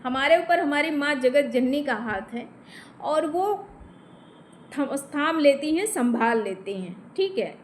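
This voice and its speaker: A high-voiced vlogger with a Bhojpuri accent vents directly into the camera, confrontational and emphatic, speaking expressively and a little slowly. She addresses a man who isn't there and keeps tacking on short tag questions. A faint hum runs in the background.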